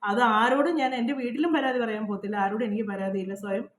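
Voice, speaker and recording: A middle-aged woman confides her memories in a quick, chatty flow. Her voice sits a little high. The sound has a roomy echo from the spot outdoors where she records. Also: a little hiss or hum. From Kerala, India. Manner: chatty and confiding, frequent "kettō" tags. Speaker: vlogger. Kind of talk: casual personal storytelling. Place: outdoors at her old house.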